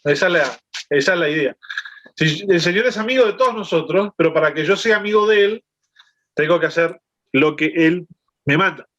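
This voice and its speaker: A man's voice: fairly high pitch, lively intonation, a little fast, a bit bright, highs cut off. A man leading a Bible lesson over a video call, explaining and often checking in with his listeners. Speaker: Bible study teacher.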